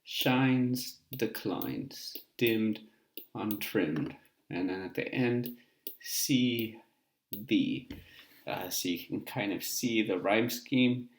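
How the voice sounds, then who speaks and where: A man's voice: lowish voice, extremely slow, reverberant. A man teaching a recorded lesson in a casual, explanatory way with frequent filler words.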